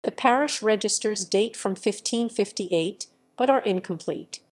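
A woman reading an encyclopedia article aloud in an even narration, reading symbols and captions out literally. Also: fairly low pitch. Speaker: article reader.

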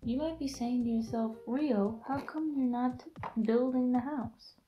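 A young woman chats casually at a table, giggly and rambling, sprinkling her sentences with "like." The camera mic sits a few feet off, so the small room adds a noticeable echo. Faint music plays softly behind her. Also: on the high side, measured pace, highs cut off. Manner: chatty and giggly, full of "like" fillers. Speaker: host. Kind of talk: casual chat.

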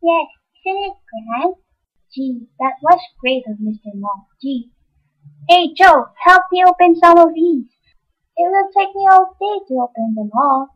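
A woman playing an excitable, plucky young orphan girl in an amateur radio play, gushing in folksy slang. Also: extremely high pitch, unhurried, lo-fi sound. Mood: delighted. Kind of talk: old-time radio play acting by an amateur.

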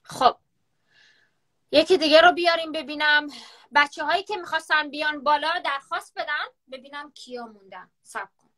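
A woman's voice: sits high, sharp tone. A woman hosting a live stream on her phone, chatting, gossiping and teasing her guests. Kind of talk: casual live-stream chat.

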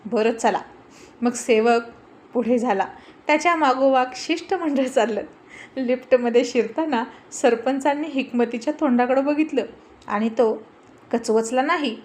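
Woman reading a story out loud, steady and expressive, fairly high voice. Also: normal speed. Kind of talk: storybook narration.

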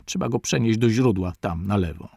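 A man reading aloud and voicing a brave, steady male naturalist explorer in an audiobook. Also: fairly low pitch, fairly quick, creaky, slightly rough, no echo, clean studio sound. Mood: urging calm.

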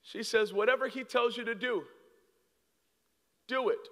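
A man in his thirties preaching a sermon on a large church stage with a handheld mic, swinging from hushed, slow lines to shouted peaks. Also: very high-pitched. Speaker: guest preacher. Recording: long hall reverb.

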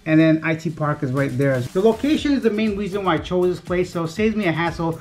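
A man's voice: fairly high pitch, expressive, quick pace, darkish tone, faint music behind. A man in his thirties talking casually to a handheld camera while touring an apartment. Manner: chatty, easygoing, talks straight to the camera. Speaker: vlogger. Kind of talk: casual travel vlog. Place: apartment indoors and city streets.

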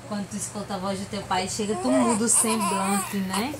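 At a moderate pace and medium pitch, a woman coos at her baby in sing-song tones, with crowd noise present. The footage comes from across the bedroom on a camera someone else holds, so she sounds far away in an echoey room with background noise.

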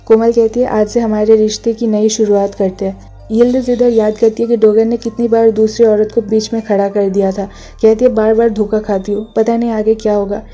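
A woman's voice: fairly high pitch, flat delivery, a little fast, dark tone, faint music behind. A woman narrating a casual recap of a drama episode, reading each character's lines in her own plain voice.

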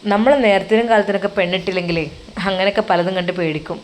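A woman's voice: on the low side, fairly even intonation, rapid-fire, close to an everyday voice. A woman voicing a kindly male religious teacher who comforts his friend in a coaxing, reassuring way. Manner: coaxing, reassuring, gently teasing.

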